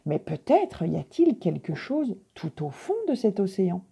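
A woman reading aloud voices a pair of small, helpful red-headed ducks in a lighter, higher storytelling voice. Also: big pitch swings, moderate pace, gravelly, warm tone, breathy edge, full character voice.

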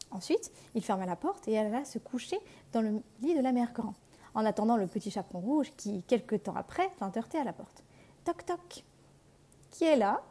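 Woman, storybook narrator, mellow, slightly high voice, expressive, measured.

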